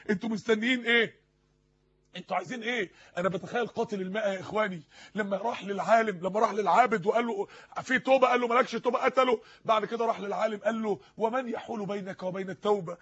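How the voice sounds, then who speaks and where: A man's voice: sits high, fairly bright tone, husky, highs cut off. A man from Egypt with an Egyptian Arabic accent preaching a fervent sermon, pleading and firing repeated rhetorical questions. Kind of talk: impassioned sermon.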